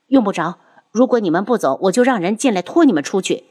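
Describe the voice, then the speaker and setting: A woman's voice: on the low side, lively intonation, fairly quick, no echo, studio quality. A woman voicing a cold, proud princess consort who speaks in an icy, clipped way.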